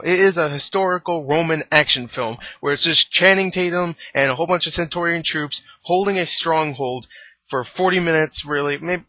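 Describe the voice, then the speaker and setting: Brief: male movie reviewer, a bit high voice, chatty and rambling, dull dry lo-fi sound. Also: dry recording. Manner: rambling, chuckling, many restarts. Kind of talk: casual spoken movie review.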